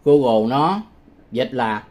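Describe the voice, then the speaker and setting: Man, casual language teacher, mid-pitched, very slow and repetitive, patient with frequent chuckles. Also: expressive, darkish tone, a little hiss or hum. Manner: repeats phrases slowly and patiently, chuckling often. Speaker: English teacher. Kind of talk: casual spoken language lesson.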